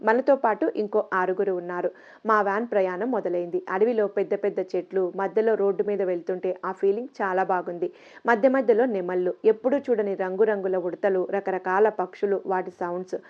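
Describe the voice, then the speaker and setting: A woman narrating a first-person story in a soft, steady reading voice. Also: medium pitch, brisk. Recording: slightly dull lo-fi audio.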